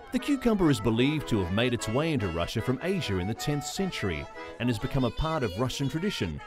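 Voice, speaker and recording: A man narrating a scripted news feature in a wry, lively storytelling manner. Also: on the low side. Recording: voice-over over music and crowd sound. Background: music and crowd noise.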